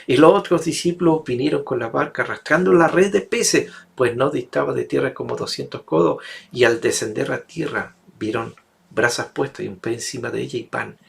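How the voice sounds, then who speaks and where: Gravelly-voiced male preacher. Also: medium pitch, moderate pace. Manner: emphatic, builds repetitive rhetorical lists. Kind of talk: sermon.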